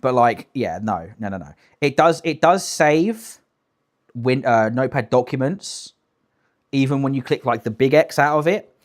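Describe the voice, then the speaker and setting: A man's voice: mid-range voice, expressive, measured pace. A young British man doing casual livestream reaction commentary, blunt, sweary and emphatic in an incredulous way. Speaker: live streamer commenting on clips.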